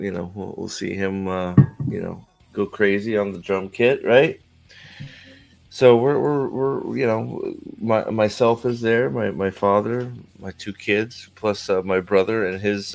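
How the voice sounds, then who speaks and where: A man's voice: on the low side, unhurried, vocal fry. A man in his forties chatting casually on a livestream, joking around and rambling with lots of restarts and fillers. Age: 40s. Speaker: streamer. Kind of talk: casual chat.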